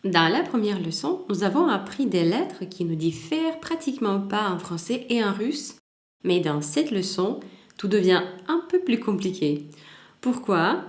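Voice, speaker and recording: A woman teaching a language lesson, slowly repeating each example word so it can be copied. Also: medium pitch, sing-song. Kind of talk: slow spoken language lesson. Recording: roomy echoey room.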